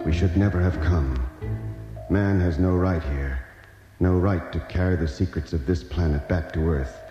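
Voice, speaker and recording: An actor playing a grave, thoughtful doctor on a lunar expedition in a vintage radio drama. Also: male voice, sits low, normal speed, dark tone, natural voice. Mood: bleak. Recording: muffled old radio recording, music behind.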